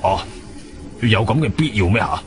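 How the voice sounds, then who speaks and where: Colonel Jack, low-voiced weary police officer, Guangzhou Cantonese. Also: male voice, very animated, normal speed. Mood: cautious. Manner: sighing, hesitant, official. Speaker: supporting actor. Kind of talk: Cantonese radio drama dialogue. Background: music.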